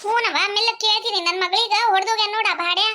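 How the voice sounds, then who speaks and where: A woman's voice: very high-pitched, steady tone, racing, pushed and bright. A woman voicing a fiery, protective village mother in a cartoon, scolding and threatening with a North Karnataka accent. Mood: angry. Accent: North Karnataka Kannada.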